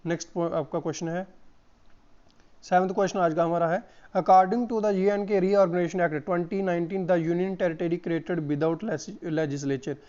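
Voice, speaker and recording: A hoarse man giving an exam-prep lesson, repeating each answer and calling his viewers friends. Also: high-pitched, mellow, muffled recording. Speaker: exam coach.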